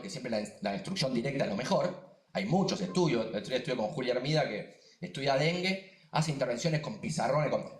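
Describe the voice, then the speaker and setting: This neuroscientist and science communicator speaks Spanish with a Rioplatense accent in a mid-range voice, his words reverberating through a lecture room. His seminar talk is quick, animated, and emphatic, full of repetitions and asides.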